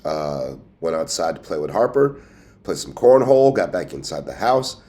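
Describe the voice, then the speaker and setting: A sports team news show host offers casual, folksy commentary in a rumbling low voice with big pitch swings, a moderate pace, and a warm tone. He has a cold and a scratchy throat, so he sounds congested and nasal, as if pinching his nose.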